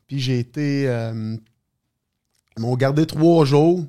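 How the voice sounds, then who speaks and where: A man's voice: mid-range voice, takes it slowly, warm tone. Quebec French man, middle-aged, loose rambling anecdotes full of fillers and restarts. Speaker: guest, former hockey player. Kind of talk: casual storytelling interview.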